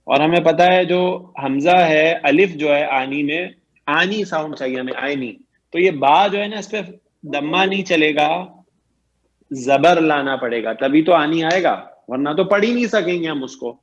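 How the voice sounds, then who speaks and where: Man, online grammar teacher, fairly high voice, patient and repetitive, dull lo-fi call sound. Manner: patient, repeats each point and checks understanding.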